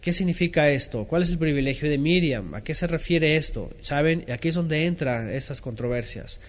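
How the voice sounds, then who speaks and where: A man's voice: a little high, moderate pace. A man teaching a Bible lesson, asking questions, reading out listeners' answers and reading passages aloud with comments. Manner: asks questions, reads out responses from listeners; reads scripture aloud, stopping to comment.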